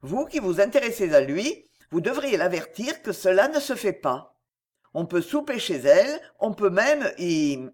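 A woman's voice: mid-range voice, sing-song, unhurried, darkish tone. A woman voicing a sly young duke. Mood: insinuating. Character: young aristocratic man, mocking gossip.

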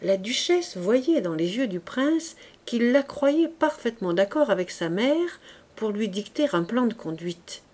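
A woman narrating a classic novel and a verse fable in a measured, even way. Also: fairly high pitch. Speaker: audiobook reader.

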